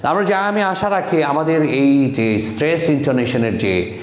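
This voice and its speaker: A man from Bangladesh teaching an online language lesson, repeating words slowly and deliberately to show how they sound. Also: on the high side, echoey room, slight background noise.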